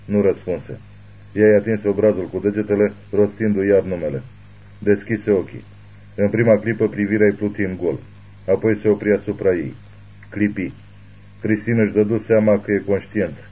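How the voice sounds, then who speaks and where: A man narrating a thriller audiobook in a steady, grave reading. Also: lowish voice, slightly rough, muffled recording.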